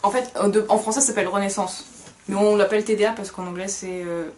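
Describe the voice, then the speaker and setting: A woman's voice: medium pitch, steady tone, fast, darkish tone. A young woman co-hosting a casual book review, hesitant with many fillers and wry asides.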